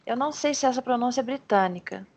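A Brazilian woman teaching English over a video call, modeling words slowly and encouraging her student. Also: fairly high pitch, a little mellow, lo-fi sound. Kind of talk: online pronunciation lesson in Portuguese.

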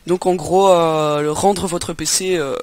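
A man's voice: on the high side, fairly even intonation, slow, a little mellow. A young man from France hosting a casual computer tutorial, talking hesitantly with many fillers and restarts. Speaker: tutorial host. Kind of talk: casual screen-recorded tutorial.

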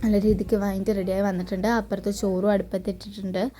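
A woman's voice: mid-range voice, little pitch movement, quick pace, dark tone, a little hiss or hum. A woman, giving a casual running commentary of her morning cooking as a family vlogger, filming herself alone on a phone in her home kitchen. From Kerala, India. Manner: chatty running commentary, tags many lines with a friendly "you know". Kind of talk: casual narrated cooking vlog. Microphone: phone camera, filming herself alone.

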